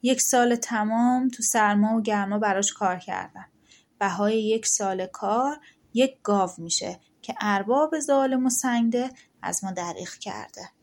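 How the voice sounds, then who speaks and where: A woman's voice: medium pitch, a little mellow, close to an everyday voice. A woman doing a sly poor peasant man. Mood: earnest. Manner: earnest, feigning confusion. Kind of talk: audiobook folktale reading.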